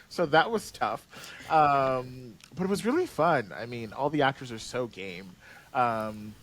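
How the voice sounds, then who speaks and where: A man's voice: mid-range voice, a bit bright. A man who writes and voices an audio drama, talking in a casual podcast chat, rambling with many fillers and restarts.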